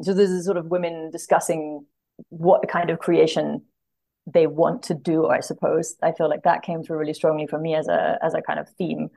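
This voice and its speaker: A literary translator appears as a podcast guest, talking through a book in casual discussion. Her low, slightly mellow voice has vocal fry, and she speaks thoughtfully and hesitantly, drifting into asides.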